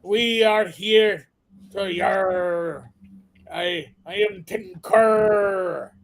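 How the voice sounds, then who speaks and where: A man hosting a casual live chat show, with a high, gravelly voice. He talks at an unhurried, halting pace and keeps things joking and loose. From New York. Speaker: show host.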